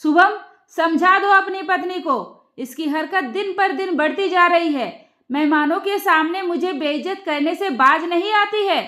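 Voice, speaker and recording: A fuming middle-aged mother-in-law, as a woman narrator puts her on, scolding hard. Her voice is very high and rings in an echoey room. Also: normal speed, a bit bright. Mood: furious. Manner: scolding, furious. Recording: roomy echo.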